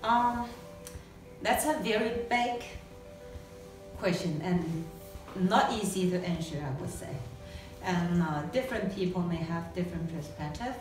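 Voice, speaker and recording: A middle-aged woman, an English speaker from China, answering an interview slowly and with many fillers. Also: on the low side, darkish tone, soft background music. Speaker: legal affairs expert, interviewee. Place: living room at home. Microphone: far camera. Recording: echoey room from far off.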